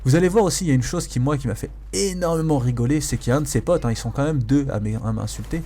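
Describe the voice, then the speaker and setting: A man's voice: mid-range voice, very fast, mellow. A man giving casual, amused gameplay commentary as a video host, hesitating and repeating phrases for emphasis. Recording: faint noise, game sounds behind.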